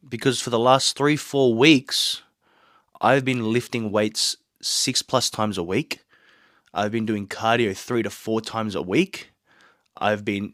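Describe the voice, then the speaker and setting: This man has a lowish voice with a fairly bright tone and no echo. In a small home studio, the podcast host delivers a casual monologue on his own, earnest and motivational despite a sore throat and blocked nose, with plenty of rambling asides.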